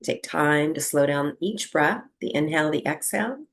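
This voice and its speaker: A woman leads guided relaxation for breathwork, soft and unrushed, with lengthy pauses between phrases. Her low-pitched voice is expressive.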